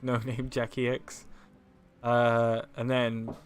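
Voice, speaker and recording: A man's voice: medium pitch, monotone, slow pace. A man co-commentating a live online race, laid-back, chiming in with short remarks. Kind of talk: live sim racing commentary. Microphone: home mic on a stream setup.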